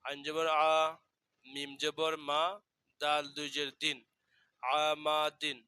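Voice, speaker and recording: A man's voice: a little high, completely flat delivery, slow, pushed and bright, clear, resonant tone, no room sound. A man teaching Quran reading with a Bangladeshi Bengali accent, spelling out each letter and vowel mark and then repeating the blended syllable. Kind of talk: slow spelled-out recitation drill.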